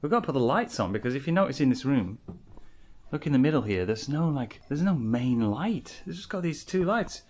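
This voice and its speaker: A man's voice: mid-range voice, big pitch swings, fairly quick, darkish tone. A British man filming a travel vlog, complaining with exasperated, mocking remarks as he walks through a hotel and city streets. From United Kingdom. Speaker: vlogger.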